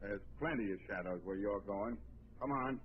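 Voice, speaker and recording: A man's voice: on the low side, normal speed, lightly acted. An actor playing a brusque male police inspector in a 1930s radio drama, giving clipped orders. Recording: dull old radio broadcast with hiss.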